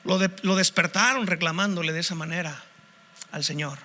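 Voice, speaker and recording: A man's voice: sits high, brisk, sharp tone, slight background noise. A man preaching a sermon as pastor, passionately posing one rhetorical question after another.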